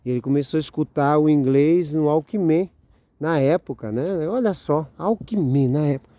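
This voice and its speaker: A man's voice: a little high, moderate pace, dark tone, dry recording. A middle-aged man with a Brazilian Portuguese accent, talking to viewers in a rambling, chatty vlog. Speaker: vlogger. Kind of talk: casual vlog chat.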